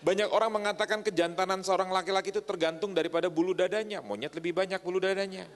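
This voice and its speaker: A man's voice: sits high, steady tone, quick pace. Male preacher, comic sermon style, engages the congregation, recorded in a church hall with a long echo tail. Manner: joking, often asks the crowd to agree.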